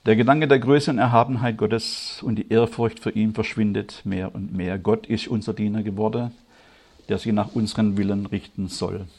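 A German-speaking man preaching a sermon, moving from quiet, measured delivery to loud, high, emphatic passages. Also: steady tone. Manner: grows loud and high-pitched when stirred, slow emphatic stresses.

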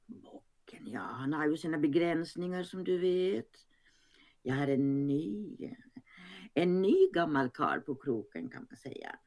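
A woman voicing a plump, cheeky older woman who tells bawdy stories gleefully in a high, animated voice.

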